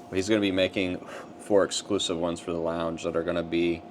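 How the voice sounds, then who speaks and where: A man's voice: low-pitched, fairly quick. A man talking casually as the co-host of a cigar show. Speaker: co-host, cigar lounge proprietor. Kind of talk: casual chat. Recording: clearly noisy room with steady hum.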